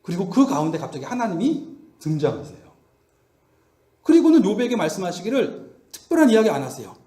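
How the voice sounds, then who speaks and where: A man preaching a storytelling sermon, animated and full of rhetorical questions. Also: high voice, fairly quick. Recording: echoey room.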